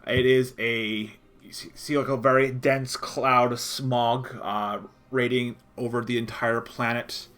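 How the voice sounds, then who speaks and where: A man narrates a tabletop game as its game master, setting each scene in halting, descriptive phrases. His voice is bright and forward, with a middle pitch. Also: flat delivery.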